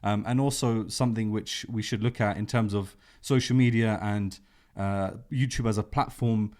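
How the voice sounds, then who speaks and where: A man's voice: fairly low pitch, fairly even intonation, normal speed, darkish tone. A man hosting a podcast interview, talking in a loose, enthusiastic way. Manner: enthusiastic, full of fillers and restarts. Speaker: podcast host. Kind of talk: casual interview talk.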